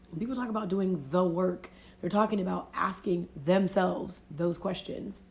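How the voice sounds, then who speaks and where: A woman life coach with a lowish, dark-toned voice talks casually and reflectively on a phone livestream from home, giving a motivational chat in which she repeats and rephrases her points. She has a cold, and her voice is fading.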